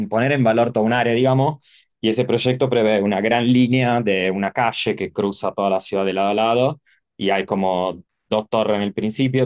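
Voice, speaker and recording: A lowish-voiced man from Turin, Italy, speaks Rioplatense Spanish with an Italian tinge as an architect guest in a casual conversational interview. He's relaxed and rambling, full of fillers and self-corrections. The recording has no room sound.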